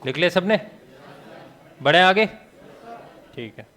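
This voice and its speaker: A male teacher lectures a class. He keeps throwing quick questions at the students and answers them himself, with jokes along the way. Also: sits high, expressive, pushed and bright. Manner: jokey, laughs at his own remarks.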